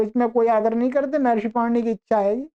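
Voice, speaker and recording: A woman teaching Sanskrit grammar in an online lecture. She reads Sanskrit lines slowly and then explains them in Hindi. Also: on the high side, fairly even intonation, mellow, clear, resonant tone, highs cut off.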